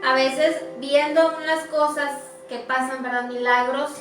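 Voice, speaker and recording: A woman's voice: sits high, steady tone, unhurried. A woman in a faith conversation, chiming in and agreeing in a conversational way. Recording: echoey room, distant mic, music.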